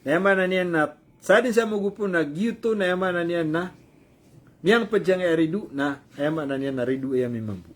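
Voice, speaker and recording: A man giving informal news commentary, talking loosely with fillers and self-corrections, and reading English quotes slowly. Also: high-pitched, lively intonation.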